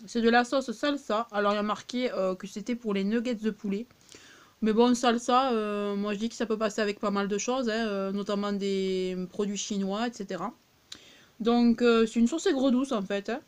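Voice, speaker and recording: A woman with a southern French accent chatting casually to viewers as she shows off her cheap finds, with many fillers. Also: on the high side. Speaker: vlogger showing a discount-store haul. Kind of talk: casual chatty haul video.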